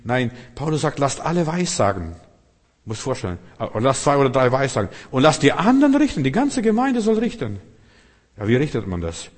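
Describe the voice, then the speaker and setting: A male pastor, preaching a sermon and rising loud on key phrases. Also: mid-range voice, sing-song, a little fast. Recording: long hall reverb.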